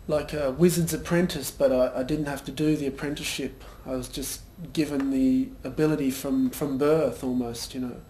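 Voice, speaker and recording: A man's voice: medium pitch, fairly even intonation, normal speed, few pauses, dark tone, natural voice. A young man playing a vain, pompous band frontman in a mockumentary interview, hesitant and full of fillers. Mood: smug. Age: young adult. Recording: echoey room with faint noise.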